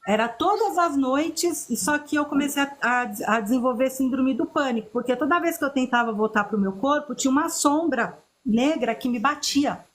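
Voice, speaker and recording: A woman, a podcast guest telling her personal story in an earnest, unhurried way. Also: sits high. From Chile. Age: 50s.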